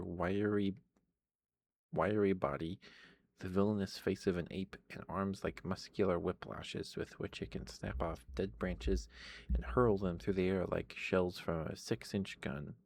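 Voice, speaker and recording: A man speaking softly in a casual ASMR style, reading and chatting, with a tired, worn-out voice. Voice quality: low, creaky voice. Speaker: ASMR host reading aloud. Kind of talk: soft-spoken ASMR reading and chat.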